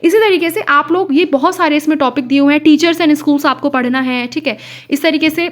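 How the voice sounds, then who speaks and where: Young woman exam coach, high voice, chatty screen-share lesson with frequent check-ins. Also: normal speed. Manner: chatty, repeats "है ना" and "ठीक है" to the listener.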